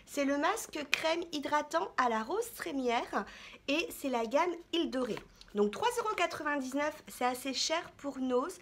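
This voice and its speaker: Woman beauty vlogger, high voice, chatty and halting, casual haul talk. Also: animated, slight background noise. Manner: chatty, hesitant with frequent fillers. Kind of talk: casual haul vlog chat.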